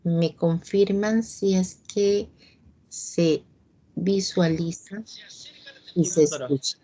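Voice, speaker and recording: Woman teacher, lowish voice, slow and patient, online class on a video call. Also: warm tone.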